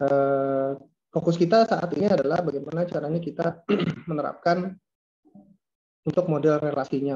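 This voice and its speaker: A man with a hoarse voice giving an online lab lecture, hesitating with many fillers and clearing his throat often. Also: on the high side, dark tone. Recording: dull lo-fi online call audio.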